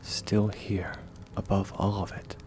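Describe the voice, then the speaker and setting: Soothing and earnest, the man plays a steadfast, kind young warrior for a comfort ASMR roleplay, speaking in a measured, frequently hushed, reassuring way. The pitch is low and the tone level, with a noisy background.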